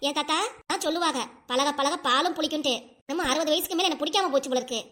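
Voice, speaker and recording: A woman voicing a crying grandmother over sixty in a cartoon, scolding her husband rapidly, with a southern Tamil Nadu dialect. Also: sits high, a bit bright. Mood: tearful scolding. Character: upset old grandmother, wife over sixty. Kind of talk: cartoon voice acting.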